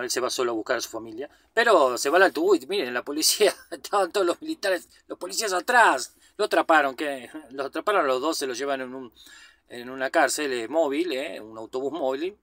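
A film commentator with a slightly bright, higher-pitched male voice recaps a movie in a loose, chatty way, sprinkling in slang asides and fillers. The recording has no echo.

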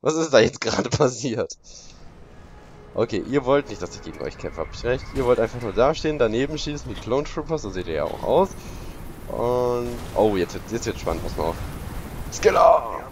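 Animated sarcastic man commentating a game. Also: medium pitch, brisk, slight background noise. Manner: sarcastic, exclaiming, talks to viewers. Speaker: let's play commentator. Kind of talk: gaming commentary.

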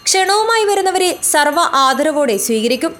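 A woman's voice: extremely high pitch, big pitch swings, normal speed, fairly bright tone, slight background noise. A woman reading a scripted news report as a voice-over narrator.

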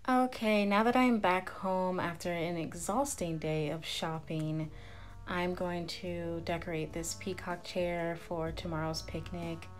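A woman's voice: lowish voice, measured pace, faint music behind. Chatty woman narrating a shopping vlog. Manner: chatty and upbeat, relaxed commentary with fillers. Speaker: vlogger and picnic planner. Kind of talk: casual shopping vlog voice-over.

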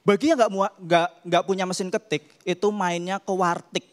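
A man's voice: high voice, fairly even intonation, normal speed. A male stand-up comedian performing on stage, mimicking typewriter clicks and camera shutters as he tells his bits. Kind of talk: stand-up routine. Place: comedy stage before a live audience.

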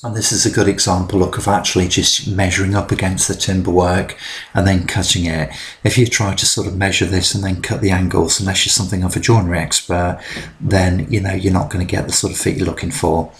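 A middle-aged man talks through his DIY work in a relaxed, explanatory voice-over. His voice sits very low, and he fills the gaps with frequent ums. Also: brisk, a little hiss or hum. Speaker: DIY vlogger. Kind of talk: instructional voice-over narration.

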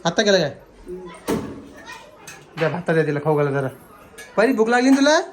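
A man, filming a casual family vlog and excitedly coaxing a child and a pet. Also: sits high, moderate pace, background noise. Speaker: family vlogger.

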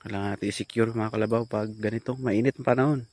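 A man's voice: lowish voice, steady tone, fast talker, darkish tone, slight background noise. A man vlogging from his farm outdoors, chatting casually to viewers and calling out to his carabao. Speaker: farmer vlogger. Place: outdoors on a farm among trees. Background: insects and animals.

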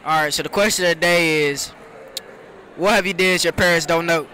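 A teenage boy runs a casual interview in a cafeteria, repeating his question to each classmate. His voice is high and bright, with a faint hum of the room behind it. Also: fairly even intonation, brisk, low-quality recording. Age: teens. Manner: repeats the same question, laughs along. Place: school cafeteria.

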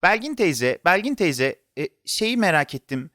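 A high-pitched, bouncy little boy, put on by a male narrator, pestering everyone with questions. His voice swings up and down with childish impatience. The recording is close and dry, with no room sound. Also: sing-song, unhurried, pushed and bright, no echo, exaggerated voice. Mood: eager. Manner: eager, insistent questioning.

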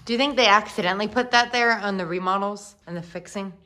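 A woman's voice: mid-range voice, fast talker, pushed and bright. A woman vlogging casually while touring a house and garden, gushing and chatty. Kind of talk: casual vlog narration. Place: outdoors and indoors touring a house. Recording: noisy handheld camera audio.

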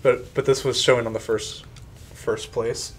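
A man's voice: medium pitch, level tone, moderate pace, a little hiss or hum. A man hosting a casual let's-play, chatting playfully and slipping into sing-song sound effects. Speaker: gaming video host.

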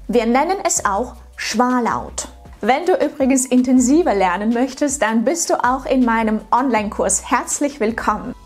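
A woman teaching pronunciation, speaking clearly and deliberately and modeling words for the listener to repeat. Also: a little high. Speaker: German pronunciation coach. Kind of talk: scripted pronunciation lesson. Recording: soft music behind.

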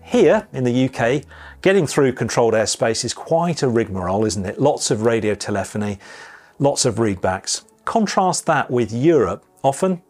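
A man's voice: medium pitch, sing-song, normal speed, a little mellow, faint music behind. British-based man presenting an aviation briefing. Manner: chatty, conversational, occasional wry asides. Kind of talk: scripted news briefing with asides.

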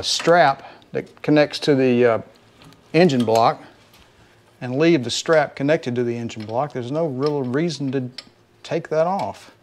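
A middle-aged man with a Southern US accent who hosts a garage channel. He narrates casually as he works on a car, rambling and talking to the viewers as folks. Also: medium pitch. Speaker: home mechanic host. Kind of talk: casual how-to narration while working. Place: home garage, working under a car.

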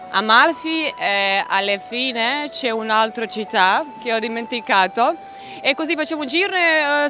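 Bright-voiced young Serbian-accented woman. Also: fairly high pitch. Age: young adult. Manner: non-native, slightly broken grammar. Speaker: model agency head and model. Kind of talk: casual on-the-street interview answers. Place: outdoor café street at night. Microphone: handheld interview microphone.

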